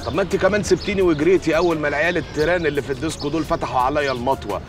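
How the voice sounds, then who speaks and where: An actor playing a joking, boastful young fiancé, speaking in Egyptian Arabic with a coaxing, teasing manner. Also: male voice, fairly high pitch, very fast, natural voice. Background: music.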